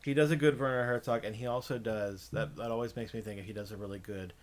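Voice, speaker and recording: A man's voice: lowish voice, fairly even intonation, fast. A man co-hosting a podcast, chatting casually and cracking crude jokes. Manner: joking, crude humor. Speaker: podcast co-host. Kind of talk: casual chat.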